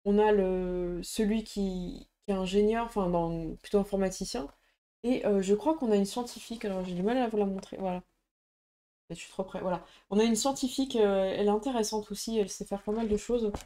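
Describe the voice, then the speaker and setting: Woman host, relaxed chat to camera, warm mellow voice, talks in fits and starts. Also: mid-range voice, brisk. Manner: hesitant, many fillers and restarts. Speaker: tabletop roleplaying game YouTuber. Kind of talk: casual show-and-tell chat.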